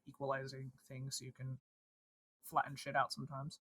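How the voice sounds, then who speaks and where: A woman's voice: rumbling low, monotone, moderate pace, fairly bright tone, husky, dry recording. A woman chatting casually as a podcast co-host, rambling, swearing heavily and trailing off. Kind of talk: casual chat.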